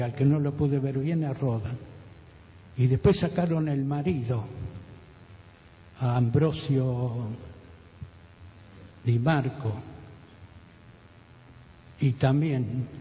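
An older man with a Rioplatense accent giving a halting personal testimony as a radio guest, often repeating words and acting out other people's voices. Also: medium pitch, warm tone. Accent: Rioplatense Spanish. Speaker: witness guest. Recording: dull roomy radio recording with faint hiss.

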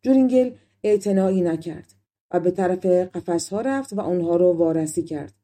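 A woman reading a fairy tale as an audiobook narrator, telling it calmly in a relaxed spoken style. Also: lowish voice. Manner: calm storytelling in colloquial spoken forms. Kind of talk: storybook narration.

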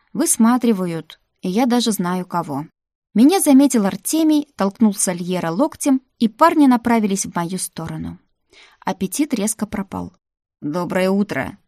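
A woman narrating a fantasy novel in the first person, with lively, wry storytelling. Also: mid-range voice, dry recording, studio quality. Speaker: audiobook narrator.

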